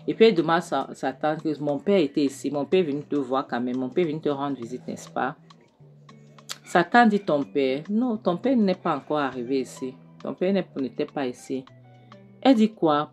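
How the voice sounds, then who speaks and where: A woman recaps a film in a casual, animated way, tagging little "hein?"s onto her remarks and acting out the dialogue. Her voice sits low and deep. Faint music plays underneath her. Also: normal speed. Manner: animated, keeps adding "hein?" and re-enacts dialogue.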